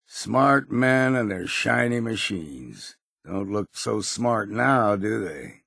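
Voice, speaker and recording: Old Longfellow, gravelly grizzled hunter. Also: male voice, on the low side, lively intonation, slow, fairly bright tone, no echo, studio quality, heavily acted. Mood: disdainful, grumbling. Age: older. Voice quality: gravelly, husky. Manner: folksy, drawling old-timer phrasing. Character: grizzled old hunter, folksy, wary, gruffly good-humored. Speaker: video game companion character. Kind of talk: scripted game voice lines.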